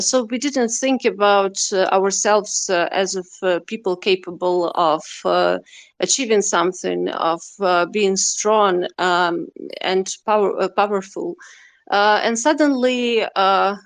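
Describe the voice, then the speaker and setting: A woman's voice: mid-range voice, no echo. A woman from western Ukraine, a Russian speaker, answering interview questions as a novelist with many hesitant fillers. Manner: hesitant, heavy use of "uh" fillers. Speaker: novelist guest.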